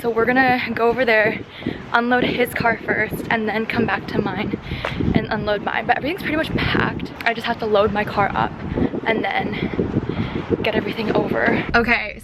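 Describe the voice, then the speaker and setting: Young woman, casual upbeat vlogger, fillers galore, noisy camera audio. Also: on the high side. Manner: chatty, upbeat, filler-heavy. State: tired, out of breath at times. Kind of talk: casual vlog narration. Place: around the city, indoors and outdoors. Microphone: handheld camera mic.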